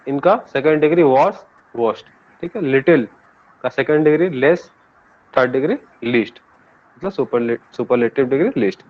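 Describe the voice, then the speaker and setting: A man's voice: medium pitch, moderate pace, slight background noise. A man with an Indian accent teaching an English grammar lesson to students. He explains patiently, switches between languages and asks the class for answers. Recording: dull lo-fi classroom recording.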